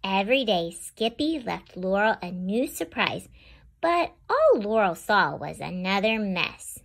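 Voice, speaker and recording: A woman host with a medium-pitched, creaky voice reads a picture book to children at a measured pace. She's animated and speaks straight to the young listeners as she tells the story.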